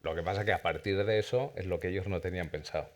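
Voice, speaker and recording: A man's voice: low voice, racing, a little mellow. A man from Zaragoza with an Aragonese accent, the series creator in a festival interview, who explains at length and often repeats words as he restarts. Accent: Aragonese Spanish. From Zaragoza, Spain.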